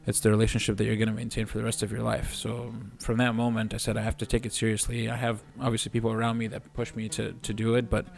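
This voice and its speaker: A fairly low-voiced man in his twenties with vocal fry talks fast and barely pauses. He's a physical therapist on a podcast, chatting casually in an earnest, steady way and occasionally restarting his sentences.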